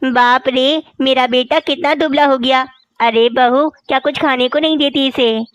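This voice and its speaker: A woman's voice: sits high, fairly even intonation, a little slow, no echo. A woman voicing an elderly female crow, a meek mother-in-law in a cartoon, pleading and complaining. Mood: plaintive. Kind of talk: cartoon voice acting.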